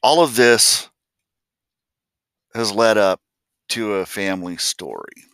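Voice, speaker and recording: A man's voice: fairly low pitch, takes it slowly, a bit bright, clear, resonant tone, no room sound, clean studio sound. An older man from Ohio telling a family story as a vlogger, folksy and blunt, and acting out the voices of the people in it. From Columbus, Ohio, USA. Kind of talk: personal storytelling.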